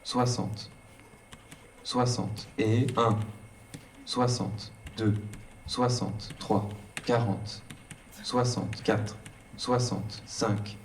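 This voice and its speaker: A male-sounding synthetic robot voice acting as a guide to a stage performance, speaking in slow, choppy, word-by-word fragments. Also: medium pitch. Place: performance hall. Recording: distant voice with faint room noise.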